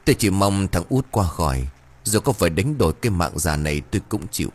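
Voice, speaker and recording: A man's voice: sits low, expressive, a little fast, slightly rough. A man voicing a poor, grieving old father who pleads in choked, remorseful words in a storybook tale.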